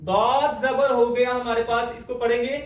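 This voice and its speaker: A man teaching the correct pronunciation of Quran letters, speaking slowly and deliberately and repeating each sound to demonstrate it. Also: very high voice, steady tone. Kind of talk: spoken lesson on letter pronunciation. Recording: echoey room, voice far from mic.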